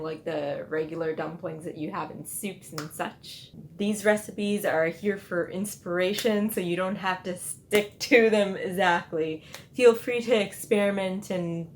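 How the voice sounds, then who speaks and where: A woman hosting her own cooking channel, talking viewers through a recipe in a chatty, upbeat way and speaking to them directly. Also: on the low side. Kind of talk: casual cooking demonstration.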